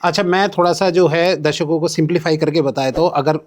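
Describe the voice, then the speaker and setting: A man's voice: a little high, steady tone, brisk. A man hosting a podcast who asks clarifying questions and restates the guest's points for the audience. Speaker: podcast host. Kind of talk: interviewing, conversational podcast.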